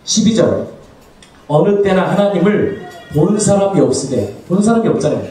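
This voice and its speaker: A male pastor delivering a sermon, asking the congregation questions and answering them himself, swinging between soft low asides and raised exclamations. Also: big pitch swings, normal speed. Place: church sanctuary. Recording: echoey, from far off the mic.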